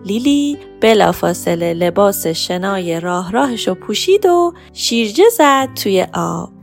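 A woman's voice: medium pitch, creaky. A woman narrating a story for children, addressing her young listeners directly as she goes.

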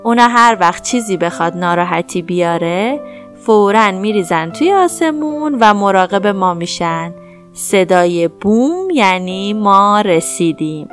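A woman voicing a gentle, caring mother rabbit in a children's story, talking slowly and tenderly. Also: medium pitch, animated, soft background music, natural voice. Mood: soothing. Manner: slow soothing tender.

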